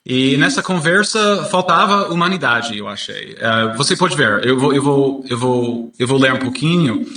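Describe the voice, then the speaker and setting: A man with an American English accent in Portuguese, a native English speaker, answering in an interview and haltingly searching for words. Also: medium pitch, animated, pushed and bright. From United States. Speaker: journalist being interviewed. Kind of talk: spoken interview. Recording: echoey room.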